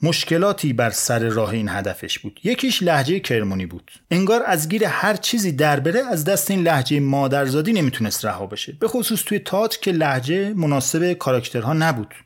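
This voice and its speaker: A man's voice: sing-song, few pauses. A man hosting a podcast, narrating a biography in a playful scripted way and putting on voices for quoted people. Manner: playful, voices quoted characters with wide swings in pitch. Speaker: podcast host and storyteller.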